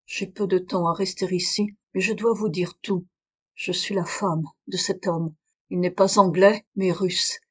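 A proud foreign woman speaks with dignity and firm conviction, as a woman reader puts her on. She keeps a steady, earnest delivery with a foreign accent. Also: on the low side, measured pace, husky. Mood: solemn. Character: proud exiled woman, dignified, confessing a crime.

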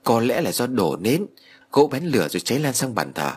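A man's voice: mid-range voice, big pitch swings, brisk, a little mellow, breathy edge. A man voicing a young nephew who hesitantly explains what he saw. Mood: uneasy.

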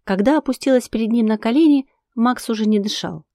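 A woman narrating a first-person novel with an expressive, dramatic delivery. Her voice is mellow and warm. The recording sounds dry and close. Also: on the high side, a little fast, no echo. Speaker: audiobook narrator.

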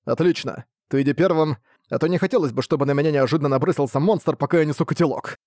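A man's voice: a little high, quick pace, darkish tone, no room sound, close to an everyday voice. Man playing short-tempered young adventurer, snappish, stressed, dry studio read. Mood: businesslike. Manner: irritable, snapping.

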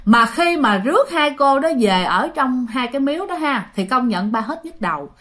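A woman's voice: high-pitched, lively intonation, normal speed, fairly bright tone. Chatty Southern Vietnamese woman storyteller. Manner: chatty, addresses listeners directly. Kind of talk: ghost story narration.

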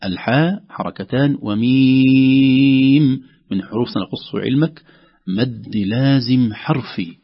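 This radio tajweed lesson features a man with a lowish, gravelly, slightly rough voice. He teaches Quran recitation one step at a time, drawing out sounds as demonstrations, and the lo-fi broadcast sounds dull.

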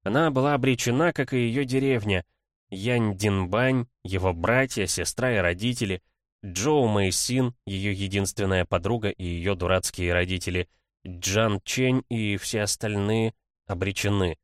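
A man narrating a storybook at a steady, even pace. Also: lowish voice, measured pace, no echo, studio quality. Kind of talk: storybook reading.

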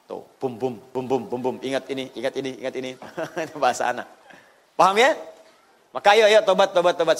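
A man preaching a sermon, animated and informal, swinging between loud emphatic bursts and soft low asides, with occasional laughter. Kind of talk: sermon with audience questions.

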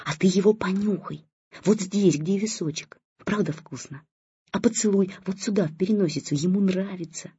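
Doting new father, anxious and cooing, read by the audiobook narrator, mellow tone, husky edge. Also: medium pitch, normal speed, dry recording. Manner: cooing, soft and fussing. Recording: dull lo-fi recording.

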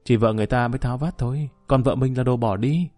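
A man voicing a weary, guilt-ridden middle-aged wife who speaks softly and pleadingly. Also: mid-range voice, fast, soft background music, lightly acted. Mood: tender, pleading.

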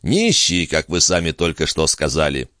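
A man's voice: extremely low pitch, sing-song, moderate pace, sharp tone, no room sound, studio quality, heavily acted. A man reading an audiobook, voicing a weary, evasive aging king who speaks unhurriedly.

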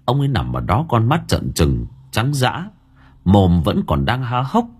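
A man narrating a spooky village story dramatically, dropping to hushed lines and rising again. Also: wildly swooping pitch, unhurried, slightly rough. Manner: dramatic, swinging between hushed low lines and raised ones. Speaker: audiobook narrator.

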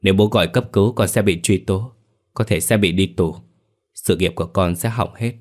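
A man's voice: sits low, normal speed. A man playing a cruel, violent husband. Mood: cold. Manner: shouting, threatening.

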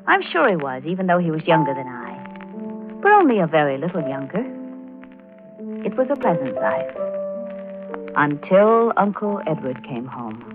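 An actress playing a wistful, anxious, genteel woman in her thirties, in 1940s radio drama style. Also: low voice. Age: 30s. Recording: tinny old radio recording with music.

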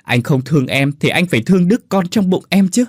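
A man's voice: fairly high pitch, lively intonation, quick pace, no room sound, studio quality, voice pushed up. A man voicing a pregnant young wife who pleads tearfully. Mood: desperate pleading.

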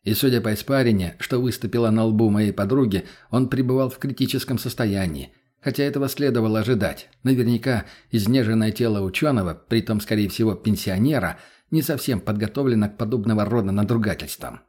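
A man's voice: on the low side, brisk, a little mellow. A man narrating an audiobook in a blunt, crude, matter-of-fact way.

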